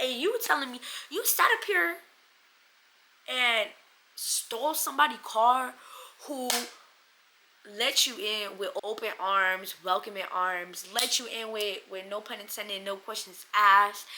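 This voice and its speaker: A young-sounding woman spins a storytime for her phone camera, her tone very bright and a touch high. She talks in lively slang, cursing freely and acting out every quote. A faint hiss sits under the recording. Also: unhurried. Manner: animated, slangy, swears a lot, acts out quotes. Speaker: storyteller vlogger. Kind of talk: casual storytime vlog.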